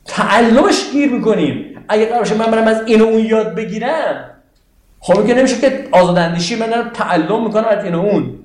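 Male religious studies teacher, high voice, chatty lecture style, keeps checking the class follows, echoey room.

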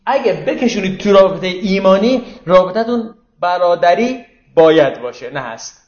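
A man's voice: sits high, lively intonation. A man giving an informal religious lecture, explaining verses conversationally and asking the audience rhetorical questions. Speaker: religious teacher. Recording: echoey, dull lo-fi room recording.

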